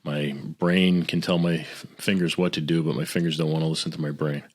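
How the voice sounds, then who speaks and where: Middle-aged guy from boston, really low voice, easygoing friendly storytelling as a guest. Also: flat delivery, a little fast. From Boston area, US. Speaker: podcast guest. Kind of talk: casual interview chat.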